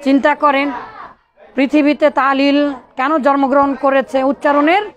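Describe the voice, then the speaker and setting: A man's voice: very high voice, normal speed, a crowd in the background. A man teaching Arabic grammar in a classroom lecture, quizzing his students and raising his voice at times. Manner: animated, quizzing students, bursts of raised voice.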